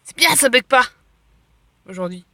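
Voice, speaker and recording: A woman's voice: high voice, lively intonation, unhurried, sharp tone, dry recording. A woman reading a visual novel aloud on stream, chatty and laughing often as she comments between the lines.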